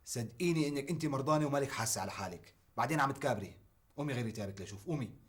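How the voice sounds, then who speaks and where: An actor playing a protective, insistent older brother in a TV drama. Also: male voice, mid-range voice, animated, rapid-fire, natural voice. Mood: coaxing. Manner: coaxing, insistent, rising to shouts. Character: protective young man, pushy and anxious. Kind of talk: TV drama acting.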